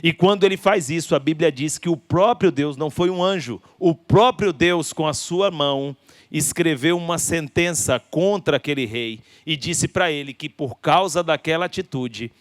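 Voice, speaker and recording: A man with a Brazilian Portuguese accent, preaching a sermon as a pastor with emphatic delivery and deliberate pauses. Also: on the high side, no room sound.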